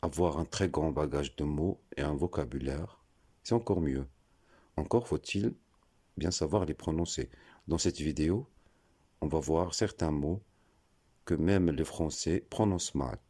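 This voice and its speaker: A man giving a scripted lesson on French pronunciation, slowly spelling out words letter by letter. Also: extremely low pitch, dark tone, slightly rough. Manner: slow, deliberate, spells out letters.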